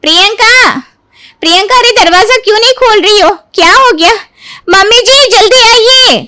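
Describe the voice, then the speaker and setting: A woman's voice: high voice, fairly even intonation, fairly quick, no echo. A woman voicing a caring young sister-in-law who soothes and calls out in alarm.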